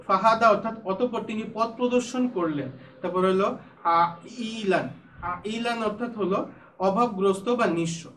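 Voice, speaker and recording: A man's voice: sits high, a bit bright, recorded from a distance, a little hiss or hum, rough recording. A Bangladeshi Bengali-accented man teaching an online school lesson, explaining words one by one with frequent hesitations.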